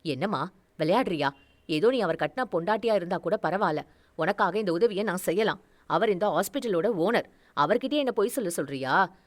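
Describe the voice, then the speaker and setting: A woman's voice: lowish voice, lively intonation, voice pushed down, close to an everyday voice. A woman reading a story aloud voices a strict but kind older female doctor who speaks firmly and scolds. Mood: stern. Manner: firm, scolding, measured.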